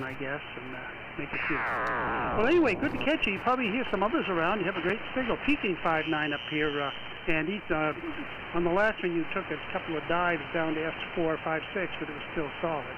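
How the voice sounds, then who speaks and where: High-voiced man over fading shortwave radio. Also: animated, muffled recording. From Maine. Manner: easygoing, halting with many fillers. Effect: fading shortwave radio reception. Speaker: amateur radio operator. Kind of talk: casual on-air radio chat. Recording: noisy, hissy shortwave receiver audio.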